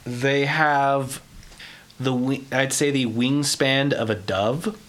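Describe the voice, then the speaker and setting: A man's voice: medium pitch, fairly even intonation, takes it slowly, a bit bright. A man running a tabletop role-playing game, casually describing a creature and the scene. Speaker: game master.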